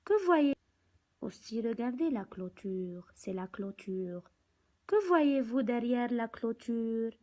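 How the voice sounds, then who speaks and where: A woman teaching young children from a picture book, speaking slowly and deliberately, repeating words and counting aloud. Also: on the high side, animated, a little mellow, rough recording.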